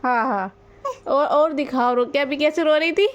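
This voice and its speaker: A woman's voice: sits high, moderate pace, dull audio, background noise. A young mother coaxing her baby twins in sing-song baby talk, repeating their pet names.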